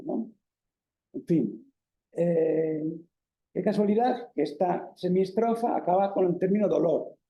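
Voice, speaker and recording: A man's voice: high voice, creaky, lo-fi sound. A man from Spain with a Peninsular Spanish accent giving an academic lecture as a university professor, explaining step by step with many fillers and tag questions. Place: lecture hall. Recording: echoey lecture room.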